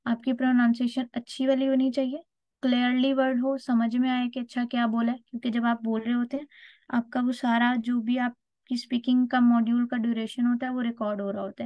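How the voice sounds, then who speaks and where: Explaining a test-prep lesson one step at a time, a woman often pauses to check in with her students during this online lecture. Her voice is on the high side, and the audio is dull, lo-fi and dry.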